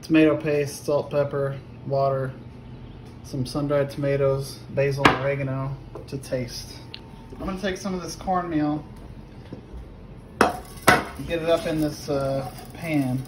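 With a mid-range, steady voice, a middle-aged man goes through a recipe a little slowly, leaving long pauses in his casual, unpolished step-by-step delivery. He's a home cook filmed on a phone held close by, and the kitchen recording is clearly noisy.

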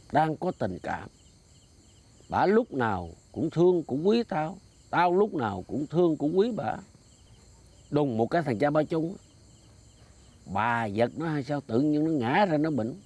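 A man's voice: a little high, creaky, a little mellow, breathy edge, full character voice. An actor playing a jealous, grumbling middle-aged man with a Southern Vietnamese accent in a comedy sketch, accusing and theatrical. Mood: sulky. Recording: music bed under the dialogue.

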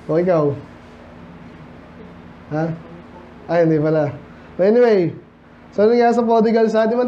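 A Filipino man preaching at a midweek church Bible study, his voice sitting high for a man. He talks conversationally, dropping English phrases in and calling out for amens. The recording is dull and lo-fi, with a faint hiss behind him. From Philippines. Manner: conversational, often calls out for amens from the congregation. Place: church hall.

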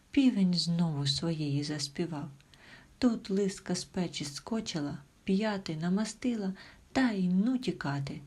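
A woman storyteller reading a folk tale aloud in a soft, half-whispered voice. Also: medium pitch, slightly rough.

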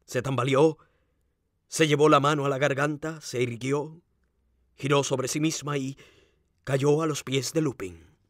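A man reading a crime novel aloud, narrating in an expressive, dramatic way. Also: medium pitch, unhurried, long pauses, dry recording, studio quality. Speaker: audiobook narrator.

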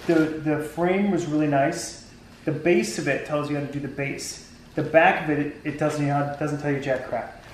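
Fairly high in pitch yet darkish in tone, this tired DIY channel host's voice bounces around an echoey garage workshop. The poor audio carries slight background noise. In his forties, he explains a woodworking build casually, wandering a little and often restarting or saying um.

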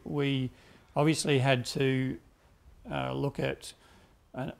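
Wearing a clip-on mic on his farm, a grain grower from South Australia in his fifties gives measured documentary interview answers, frequently restarting and repeating words. His mid-range voice has a heavy gravelly fry and stays fairly flat in pitch.

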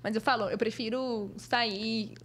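A young woman with a Brazilian Portuguese accent, a fashion model telling stories as a podcast guest in a lively, expressive way. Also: on the high side, measured pace, a little hiss or hum. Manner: lively, expressive, acts out other people's voices. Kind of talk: casual storytelling in a podcast interview.

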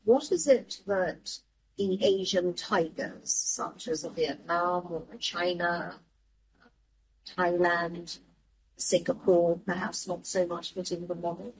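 A woman's voice: fairly low pitch, takes it slowly, vocal fry, rough recording. A young woman hosting a studio interview, asking long, articulate questions. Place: TV studio, seated in armchair.

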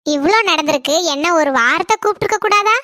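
A woman's voice: high-pitched, fast talker, pushed and bright. A woman voicing a gossipy, stingy middle-aged housewife in a cartoon, with a Kanyakumari Tamil accent and a tart, chatty manner. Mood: gossiping. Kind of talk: cartoon comedy dialogue.

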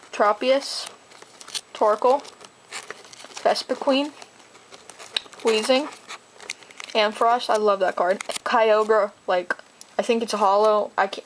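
A teenage girl chatting casually while opening trading card packs, talking fast and rambling excitedly. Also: medium pitch, slight background noise, low-quality recording. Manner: gushing, excitable. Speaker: card collector vlogger. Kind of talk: casual unboxing chat.

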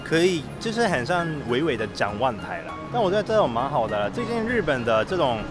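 A man's voice: fairly high pitch, very animated, fast talker, music in the background. A young man from Japan, a native Japanese speaker, chatting casually in Japanese-accented Mandarin as a vlogger. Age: young adult. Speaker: travel and food vlogger. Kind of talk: casual vlog chat.

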